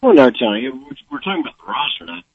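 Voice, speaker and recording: A man's voice: mid-range voice, sing-song, fast talker, breathy edge. Man on a tunnel-like phone line. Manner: rambling, restarts his sentences. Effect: muffled phone line that sounds like he is in an echoing tunnel. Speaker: basketball analyst on the phone. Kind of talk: sports radio talk. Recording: tinny, muffled phone line.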